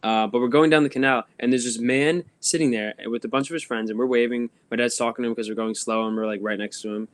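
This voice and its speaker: Recorded dry on a phone, this young adult male podcast co-host speaks quickly in a mid-range voice with fairly even intonation and few pauses. His casual chat drifts into long, meandering stories full of ums and laughs.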